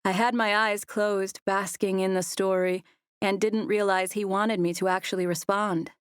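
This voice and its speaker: Soft-spoken woman narrating a romance. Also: mid-range voice, little pitch movement, moderate pace, clean tone, no room sound, studio quality. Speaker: audiobook narrator. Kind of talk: first-person romance audiobook narration.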